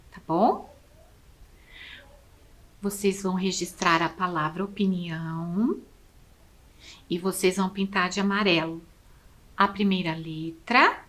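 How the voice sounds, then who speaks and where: Slow, patient woman teacher. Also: mid-range voice, fairly bright tone. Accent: Brazilian Portuguese. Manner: slow, patient, counting and spelling aloud. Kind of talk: video lesson for children.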